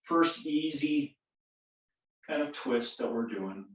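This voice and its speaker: A distant, echoing recording catches a man in his fifties teaching yoga in a medium-pitched, animated voice at a slow pace. He stretches his instructions out, jokes at his own expense and laughs at his own humor, all from off-mic.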